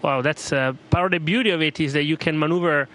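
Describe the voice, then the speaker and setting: A man speaking as an astronaut, explaining things casually in a halting, repetitive way. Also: fairly high pitch, a bit bright. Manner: halting, with repeated phrases. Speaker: astronaut being interviewed. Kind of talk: casual explanatory interview answers. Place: aboard a space station. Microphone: handheld microphone. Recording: faint equipment hum.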